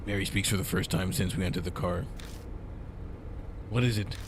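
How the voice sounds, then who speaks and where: A man's voice: deep voice, fairly even intonation, normal speed, noisy background. A man hosting a gaming video, reading visual novel narration aloud with casual asides.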